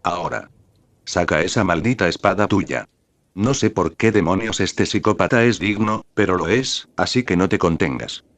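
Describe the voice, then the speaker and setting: A man's voice: low-pitched, normal speed, dry recording. A man doing a furious young woman barking orders. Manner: angry shouting.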